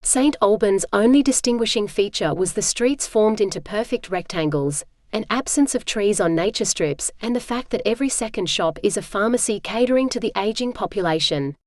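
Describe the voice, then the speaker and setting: Synthetic woman narrator for a first-person audiobook; steady and even, mid pitch, dry close sound. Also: fairly quick, few pauses, no echo. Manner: even, steady text-to-speech reading.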